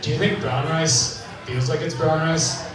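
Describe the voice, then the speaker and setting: Here a young comedian delivers a dry, deadpan stand-up routine in an unhurried, rather high voice. It's a bar stage with a live crowd, recorded from a distance among the audience while he holds a handheld mic. Echoey, far-off bar acoustics mix with audience laughter.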